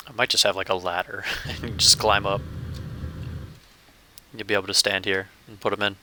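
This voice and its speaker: A channel host gives casual let's-play commentary, thinking aloud about his gameplay and chuckling now and then while he has hiccups. His voice is fairly low and sharp, with fairly even intonation at normal speed and slight background noise.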